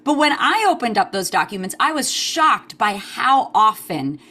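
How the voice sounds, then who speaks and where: Speaking at a measured pace in a slightly high, sing-song voice with a sharp tone, a woman historian answers interview questions with care. The guest author grew up in Queens, New York, with Cuban parents, and she drops plenty of "um"s plus an occasional Spanish phrase.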